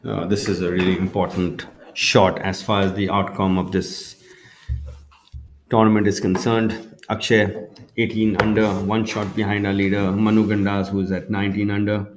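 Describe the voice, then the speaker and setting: A man's voice: on the low side, little pitch movement, moderate pace, a little hiss or hum. A man giving live golf commentary in a plain, conversational way, as part of an informal booth team.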